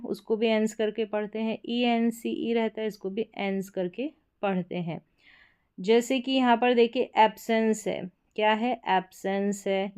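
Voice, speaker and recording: A woman's voice: medium pitch, a little mellow, clear, resonant tone. A woman teaching English spelling in Hindi, patiently repeating each example word aloud. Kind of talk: spelling lesson explanation.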